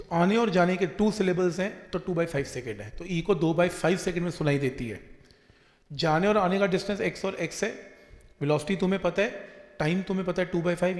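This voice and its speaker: A man's voice: high voice, lively intonation, brisk. Echoey man teaching physics step by step. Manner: explains step by step, repeating key points. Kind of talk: exam-prep physics lesson. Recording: echoey room with long reverb.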